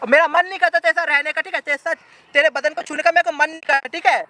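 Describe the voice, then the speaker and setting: Fast, bright and forceful, with a high voice and a steady tone, the actor portrays a brash young husband in a family drama skit. He coldly brushes his wife aside and keeps repeating "ठीक है?" ("right?") in a bossy way.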